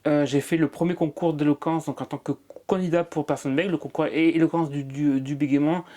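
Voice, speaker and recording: Speaking briskly in a steady, dark-toned voice on the high side, this Marseille comedian answers interview questions. His strong stutter brings frequent repetitions.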